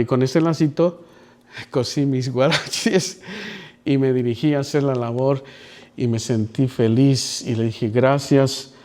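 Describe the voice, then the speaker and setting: A man preaching a sermon, telling a story with sudden drops to a hush and climbs to loud pleading. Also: mid-range voice. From Mexico. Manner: dramatic storytelling with wide swings from near whispers to loud pleading. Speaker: pastor.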